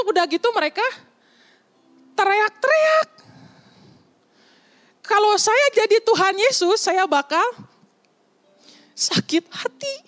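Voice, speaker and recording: A young adult woman preaching a sermon in a conversational, lively way, often asking the congregation questions. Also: very high-pitched.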